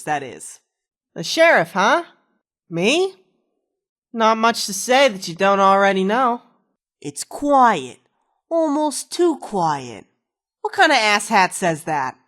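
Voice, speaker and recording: A woman's voice: fairly high pitch, a bit bright. An actress playing a wisecracking, foul-mouthed woman companion in a video game, sarcastic and slangy. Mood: casual, wry.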